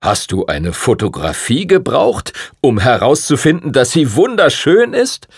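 A man's voice: very animated, unhurried, breathy edge, no echo, studio quality, exaggerated voice. A man voicing an older male prince who is impatient and pompous, lecturing in a stern tone. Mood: amused. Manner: stern, lecturing, booming laugh.

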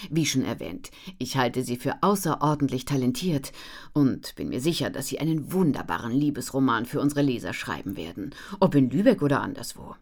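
A cheerful, dynamic editor, voiced by a woman narrator bursts with enthusiasm. Her voice stays low, but she speaks louder and brighter than the narration around it. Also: sing-song, brisk, exaggerated voice. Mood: enthusiastic. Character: upbeat female book editor, enthusiastic.

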